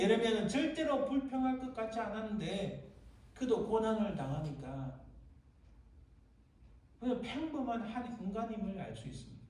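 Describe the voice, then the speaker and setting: High-voiced pastor preaching in an echoey church. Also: male voice, a little mellow. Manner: dramatic sermon delivery, acting out cries and quotes. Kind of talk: sermon. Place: church sanctuary. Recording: echoey church sanctuary, voice from far off.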